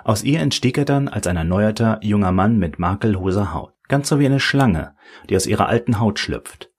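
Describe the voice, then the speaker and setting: A man voicing an unhurried, sardonic old male professor who talks dryly and mockingly, in an audiobook. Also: lowish voice, animated, natural voice. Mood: lecturing. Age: older. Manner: dry, mocking.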